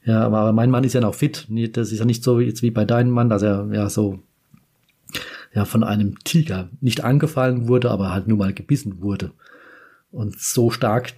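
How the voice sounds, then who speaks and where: A man's voice: fairly low pitch, mellow, husky. A man from Kaiserslautern in Germany, a podcast host, telling a personal story in a chatty, meandering way and often correcting himself mid-sentence. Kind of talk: casual storytelling anecdote.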